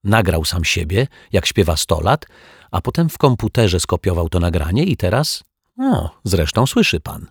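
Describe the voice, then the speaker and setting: A man voicing an earnest young boy who explains things in a low, hushed voice. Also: big pitch swings, normal speed, breathy edge, no room sound, studio quality, heavily acted. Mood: explaining. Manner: explaining, whispering.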